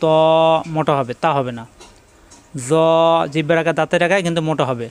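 A man teaching Quran letter pronunciation, repeating each sound slowly and checking that viewers follow. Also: a little high. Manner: slow, repetitive drilling of letter sounds; asks if it is clear, addresses viewers directly. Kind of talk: step-by-step pronunciation lesson.

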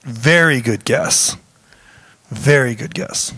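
A man's voice: mid-range voice, slow pace, pushed and bright, breathy edge, no echo. A man co-hosting a talk show, playfully reading out trivia questions and repeating them with laughs. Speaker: co-host. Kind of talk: casual chat, quiz questions.

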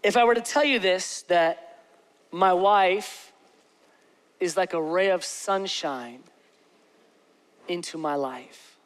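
A man in his forties preaching a sermon as pastor on a large church stage, joking and often asking the crowd "okay?", slowing down on key words. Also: high-pitched, a bit bright.

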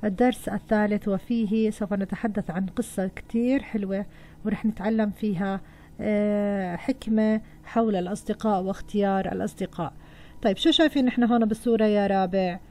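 A woman's voice: medium pitch, fairly even intonation, fairly quick, mellow. A woman teacher with a Levantine Arabic accent who talks a class through a lesson, asks pupils questions and reads a story aloud.

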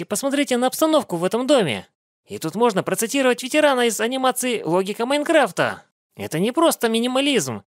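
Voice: medium pitch, no echo, clean studio sound. A reaction show host giving casual, colloquial commentary in an incredulous manner. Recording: cartoon music behind the voice.

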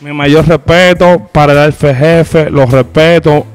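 A man's voice: fairly high pitch, fairly even intonation. A young man with a Dominican accent, an urban music artist talking casually in an interview on a handheld mic, full of street slang. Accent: Dominican Spanish. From Dominican Republic. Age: young adult. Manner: streetwise slang, quick asides and laughs. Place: lounge bar set indoors.

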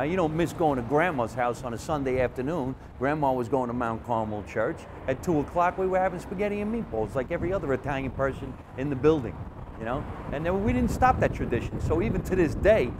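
A man, a comedian telling animated stories from his childhood in a casual interview. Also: on the high side, noisy background. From Jersey City, New Jersey. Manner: animated, chatty storyteller with frequent restarts. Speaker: comedian, guest.

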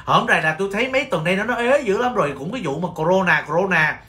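A man from Vietnam who owns a nail salon, telling stories on his livestream in an animated, exclaiming way with mock-scolding rants. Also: high voice, fast talker. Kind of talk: casual storytelling livestream.

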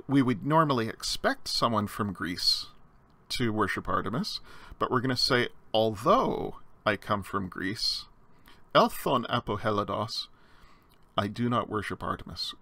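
A man's voice: mid-range voice, bright, forceful tone. A man giving a recorded slide lecture on Greek grammar, explaining step by step with frequent fillers and restarts.

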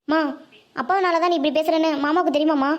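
A woman doing a tearful cartoon daughter, very high, quick, pleading and earnest. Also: steady tone, highs cut off, lightly acted. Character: tearful, upset teenage daughter. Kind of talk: Tamil cartoon voice acting.

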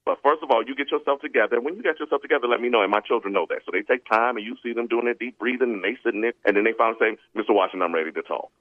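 Forty-something man, lively storyteller in conversation, tinny phone-like audio, dry. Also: medium pitch, racing, hardly any pauses, no echo. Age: 40s. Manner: animated storyteller, acts out students' voices. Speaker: elementary school educator.

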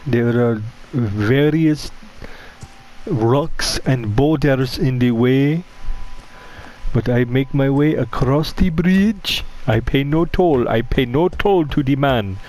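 While playing a horror game in character, a man voices a bumbling, foul-mouthed killer devoted to his mother, grumbling and narrating his gameplay in stilted broken English with dropped articles. His mid-range voice is slow and darkish, lightly acted.

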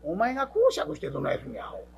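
A man's voice: high voice, wildly swooping pitch, very fast, gravelly, darkish tone, slight background noise, full character voice. A man with a Kansai accent voicing a sardonic older male friend who snaps dry, scolding retorts.

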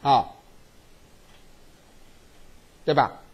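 A man's voice: very slow, dull audio. A man teaching a statistics class, tagging his sentences with little checks to the students. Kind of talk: classroom lecture.

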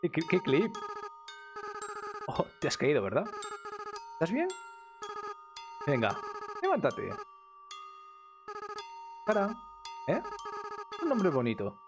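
Excitable man shouting over game music. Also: a little high, slow, pauses often. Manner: excitable, swears often, sudden shouts. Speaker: streamer. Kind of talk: live gameplay commentary, reading game text aloud. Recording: game music playing clearly behind the voice.

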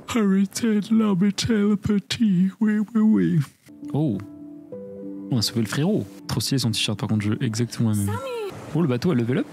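A man from France casually commenting on his game play, joking and doing playful silly asides. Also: on the low side. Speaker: streamer. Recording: music playing behind.

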